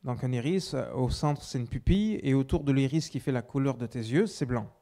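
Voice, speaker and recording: A male preacher recounts a personal testimony to his congregation in a mellow, dark voice. He often restarts his phrases, and his volume rises for emphasis before dropping to quiet asides. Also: medium pitch, brisk. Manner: storytelling with many restarts, swings between loud and hushed.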